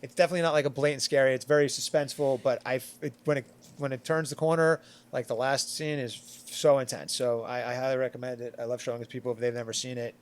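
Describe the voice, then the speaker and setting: On a podcast panel, a man with a steady, medium-pitched voice talks fast with barely any pauses, over slight background noise. He rambles through a casual retelling packed with "like," acting out the quotes as he goes.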